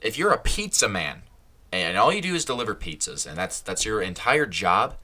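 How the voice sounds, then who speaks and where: A young man talks through a casual solo podcast. His voice sits low but has a bright edge. He rambles, restarts his sentences and laughs at his own slips. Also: sing-song, moderate pace. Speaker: podcast host.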